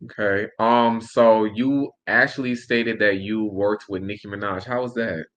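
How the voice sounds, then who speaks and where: A man's voice: on the low side, steady tone, a little slow, fairly bright tone. A man from upstate New York interviewing a guest in a casual, conversational style. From Albany, New York, also Brooklyn and Long Island.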